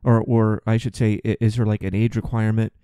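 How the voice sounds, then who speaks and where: A man's voice: lowish voice, level tone, fairly quick, dark tone, clear, resonant tone, dry recording, clean studio sound. A man around forty hosting a podcast, telling stories in a chatty, profane, comic way with frequent restarts. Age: 40s. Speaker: podcast host and flight attendant. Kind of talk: casual comic monologue.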